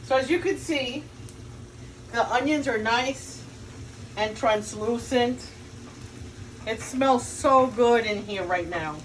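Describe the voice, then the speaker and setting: Speaking slowly and pausing often, a Cuban-accented woman with a fairly high voice walks viewers through cooking a dish at home. She keeps it casual, teasing the person behind the camera, while slight background noise and rough audio come through.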